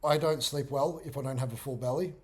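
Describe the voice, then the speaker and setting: A man's voice: medium pitch, steady tone, quick pace, breathy edge. A man, a fitness coach explaining things informally in a casual chat.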